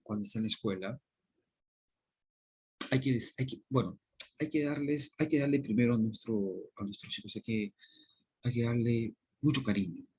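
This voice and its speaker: A man's voice: medium pitch, normal speed, long pauses, a little mellow, husky. A man, a teacher giving earnest parenting advice in an informal talk, repeating himself and asking rhetorical questions.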